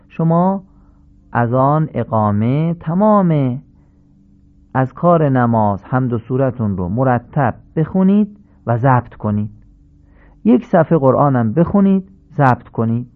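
A man teaching correct Quran recitation, slowly chanting short Arabic phrases as examples and explaining the mistakes between them. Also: mid-range voice, big pitch swings. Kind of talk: radio lesson on recitation. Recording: narrow phone-like band, old radio tape.

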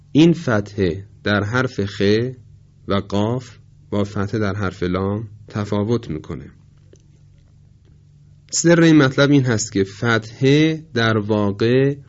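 Male tajweed teacher, low voice, measured and polite, slow drawn-out examples, dull lo-fi recording. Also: a little mellow. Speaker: Quran recitation teacher. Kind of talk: tajweed pronunciation lesson.

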